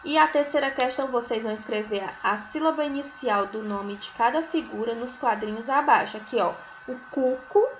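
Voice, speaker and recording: A woman teaching a recorded first-grade phonics lesson, sounding out syllables slowly and often checking in with tags. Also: on the high side, lo-fi sound, slight background noise. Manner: slow, drawn-out syllables, sounding words out; frequent checking tags like "né?" and "certo?". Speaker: primary school teacher.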